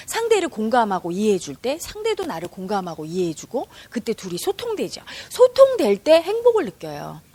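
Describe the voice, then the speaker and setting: A woman teaching meditation in a spiritual talk to an audience, expressive and acting out the dialogue she quotes. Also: a little high, breathy edge, dry recording.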